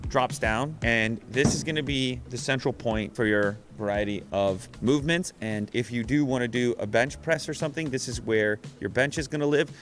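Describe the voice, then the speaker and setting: A man's voice: mid-range voice, moderate pace, few pauses. Upbeat man demoing a product over music. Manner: upbeat, demonstrative. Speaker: ad presenter. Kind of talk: sponsored product demo. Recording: voice over clear background music.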